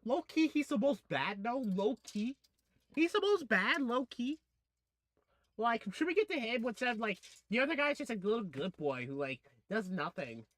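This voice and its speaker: Very animated and fairly bright, a medium-pitched host speaks at normal speed while reading a visual novel aloud for a gaming video, tossing in slangy, casual commentary and tripping over words at times. There is no echo, and music plays underneath.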